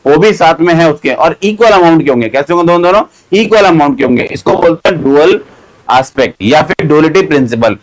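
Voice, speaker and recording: A man's voice: a little high, poor audio. Man teaching with repetition and self-questions. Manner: repeats key points, asks and answers his own questions; acts out student questions himself. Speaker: accountancy teacher. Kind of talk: classroom lecture.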